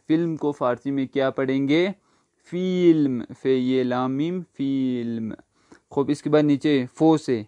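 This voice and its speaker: A man's voice: medium pitch, a little mellow, clean tone, no room sound. Patient male language teacher drilling vocabulary. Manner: patient, asks a question then answers it, spells words letter by letter. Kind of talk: online lesson, slow word drills.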